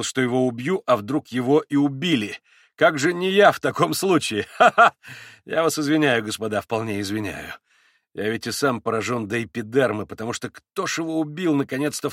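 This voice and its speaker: A man reading aloud and voicing an agitated young man under questioning who talks fast, nervously and effusively. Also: mid-range voice, a bit bright, no room sound, studio quality, natural voice.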